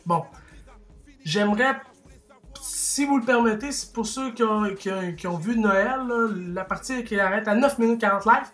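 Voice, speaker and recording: A man's voice: high voice, normal speed, fairly bright tone, soft background music. A man with a Québécois French accent delivers a heated opinion monologue. He talks emphatically and rhetorically, stumbling into restarts and fillers as he drives his points home. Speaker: vlogger.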